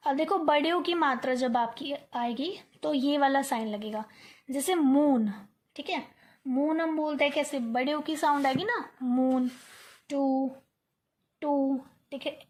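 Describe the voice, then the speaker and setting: A young woman teaching English online speaks in a high voice at normal speed. She coaxes her students, repeats words aloud to drill pronunciation, and checks in with them often.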